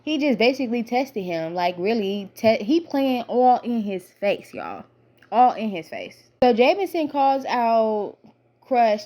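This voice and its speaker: A young woman at an ordinary middle pitch, rattling through a reality-show recap. She talks casually and animatedly, full of slang, as if filling a friend in. Her tone is chatty and informal throughout. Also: mellow.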